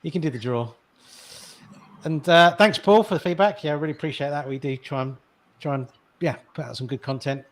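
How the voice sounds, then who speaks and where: A man co-hosting a live online show, relaxed, thanking viewers and passing along questions. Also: a little high, fast. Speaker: co-host. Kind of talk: casual live-stream chat.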